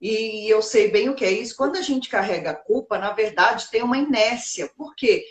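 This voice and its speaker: A woman hosts a casual live talk, working through ideas by posing questions and answering them herself. Her voice sits a little high. The sound is roomy and echoing. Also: normal speed. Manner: reflective, poses rhetorical questions and answers them. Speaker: host of a live self-help talk.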